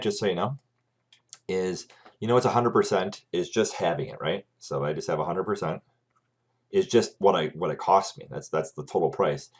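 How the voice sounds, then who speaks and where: A man's voice: deep voice, slightly rough. A man teaching a math lesson over a screencast, talking through each calculation step by step and often checking in with "right?".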